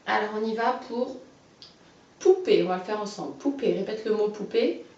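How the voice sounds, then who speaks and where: A woman giving a phonics lesson to a young child, saying syllables slowly and clearly and praising each answer. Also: medium pitch, darkish tone. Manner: slow, clearly stressed syllables, encouraging. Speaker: teacher. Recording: roomy, distant, muffled home video.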